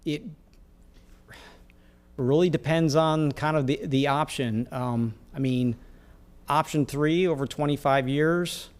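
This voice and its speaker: A man's voice: a little high, takes it slowly, pauses often. A male city staff member answering council questions at a meeting, explanatory and hedging with fillers, in a council chamber.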